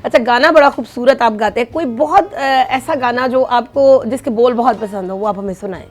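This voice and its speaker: A woman's voice: on the high side, darkish tone, soft background music. A woman interviewer asking polite, curious questions. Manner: polite, inquisitive.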